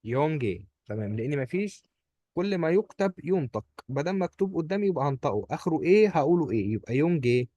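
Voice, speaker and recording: This man's voice sits on the high side, swings widely in pitch, and moves fast, sounding mellow with no echo but with the highs cut off. Speaking with an Egyptian Arabic accent, he patiently tutors one student in German pronunciation, saying each word again and again.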